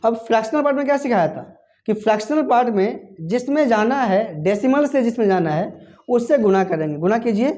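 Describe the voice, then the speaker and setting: A man's voice: high-pitched, dark tone. A male teacher giving a classroom lecture, asking questions and answering them himself, chanting times tables aloud. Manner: call-and-response questioning, answering his own questions.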